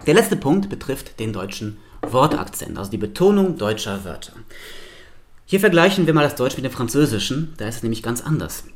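A man, a linguist, giving a playful science slam talk with lively spoken examples. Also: mid-range voice, brisk.

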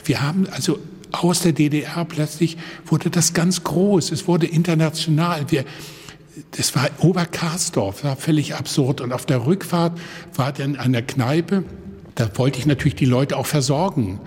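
A man around seventy from Germany's Baltic coast, a guest telling lively anecdotes in conversation and acting out the people in them. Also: a little high, normal speed, breathy edge, long reverb tail. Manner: lively storyteller who acts out the people in his stories. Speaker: guest, organ builder.

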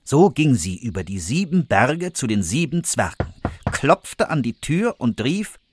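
A man reading a fairy tale aloud for children with expressive, lively storytelling. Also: medium pitch, a little slow, husky. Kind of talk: scripted storybook narration for children.

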